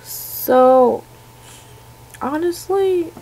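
A young woman in her late teens sounds stuffed up from a cold, and her voice has a gravelly fry. She rants to the camera in a rambling way, full of "like" and restarts. She sounds fed up. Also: high-pitched, very slow, warm tone, low-quality recording. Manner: rambling, filler-heavy, exasperated. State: congested from a cold. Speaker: vlogger.

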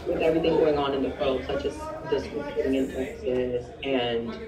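A woman's voice: extremely low pitch, normal speed, a crowd in the background. A woman reporter asking earnest, slightly tangled questions at a press conference. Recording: distant echoey remote audio.

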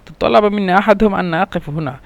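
A man's voice: high voice, very fast, gravelly, no echo. A man teaching Arabic phrases in a spoken lesson, explaining patiently and saying each phrase several times over.

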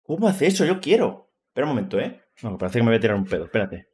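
A man's voice: medium pitch, rapid-fire. A young man from Spain with a Spanish accent from Spain, hosting a casual, joking reaction video. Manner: excitable, joking, playful.

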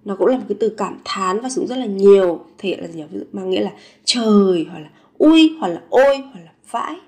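A woman's voice: mid-range voice, animated, darkish tone. Vietnamese woman teaching phrases expressively. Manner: repeats phrases slowly and expressively. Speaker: Korean language teacher. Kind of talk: language lesson.

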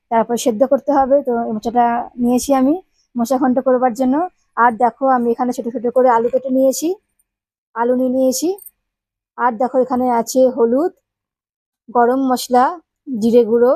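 A woman hosts her own home cooking video, talking directly to her viewers and walking them through each step. Her voice sits a little high with a soft, mellow tone. The sound is dry and close, with no room echo. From Bengal. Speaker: home cooking channel host. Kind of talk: casual cooking demonstration.

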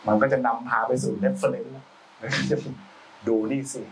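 On a laid-back talk show, a male film sound designer rambles about his work as a guest, using slang and frequently restarting sentences. His medium-pitched voice is level and moves at a normal pace. He sits slightly back from the mic, and a faint hiss fills the room.

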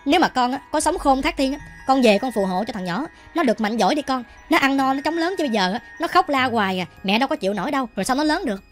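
A woman's voice: high-pitched, fast talker, soft background music, close to an everyday voice. A woman voicing a grieving older mother-in-law who speaks in a sorrowful lament.

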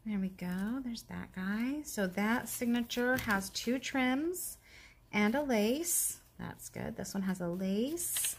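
A woman in her thirties chatting casually to viewers while she crafts, rambling and self-deprecating, now and then dropping to a soft whisper as she works. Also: on the high side, animated, slow pace, a little hiss or hum. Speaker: crafting vlogger.

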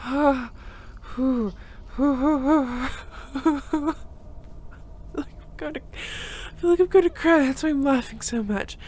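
A woman voicing a gentle, emotional young male reborn spirit in an audio role-play, breathless and given to nervous sighs and laughs. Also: high-pitched, moderate pace, close to an everyday voice. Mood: breathless, grateful.

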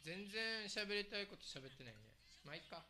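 A middle-aged man from Okinawa, president of the station, chatting on air in a relaxed, teasing way. His pitch moves lively up and down as he reads listener comments aloud. There is a faint hiss in the background. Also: fairly quick. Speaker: radio station president, guest. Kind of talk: casual radio chat.

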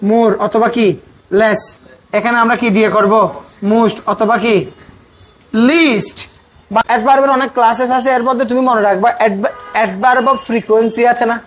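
A teacher giving an exam coaching grammar lecture, often asking the class questions and then answering them. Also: medium pitch. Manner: casual, speaks to students as "tumi".

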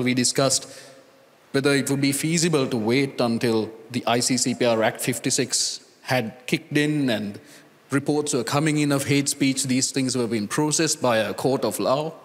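Sri panelist in his thirties, earnest and deliberate, mid-range voice, handheld mic, long hall reverb. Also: mid-range voice. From Sri Lanka. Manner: earnest, deliberate, with pauses and restarts. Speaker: conference panelist, data scientist. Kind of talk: conference panel talk. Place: large conference hall stage. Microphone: handheld microphone. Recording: reverberant conference hall sound.

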